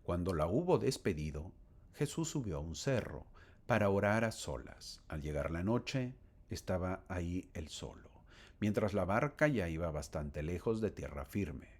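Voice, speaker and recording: A man teaching a scripture lesson in a lively, swooping voice with a husky edge. He talks straight to the listener as a friend and keeps posing rhetorical questions. His voice sits fairly low. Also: unhurried. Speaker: gospel teacher.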